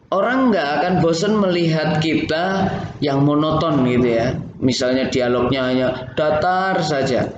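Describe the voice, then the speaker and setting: A man gives a theater lesson at an unhurried, deliberate pace, speaking directly to his students. His fairly high voice rings in an echoey room, and the recording sounds a little dull. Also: slight background noise. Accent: Indonesian. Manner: slow, explanatory, addresses students directly. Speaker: teacher.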